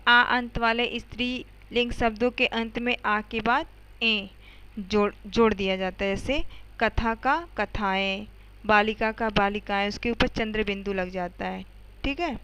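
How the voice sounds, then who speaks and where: A woman's voice: medium pitch, fairly even intonation, unhurried, fairly bright tone, clear, resonant tone, rough recording. A woman teacher explaining grammar to schoolchildren step by step, often checking in with "okay" and asking the students questions. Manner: addresses students directly with questions.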